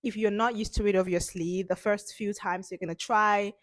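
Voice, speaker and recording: A woman leads an informal instructional talk as a confidence coach, stressing her points emphatically and repeating them, her voice slightly hoarse from a cold. She speaks at normal speed with a steady, medium-pitched tone, and the recording is dry.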